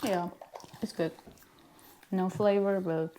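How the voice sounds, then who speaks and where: A woman from Peru making brief, quiet remarks beside her husband during a food tasting. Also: lowish voice, steady tone, slow pace, a little hiss or hum. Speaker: vlogger's wife. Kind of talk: casual chat.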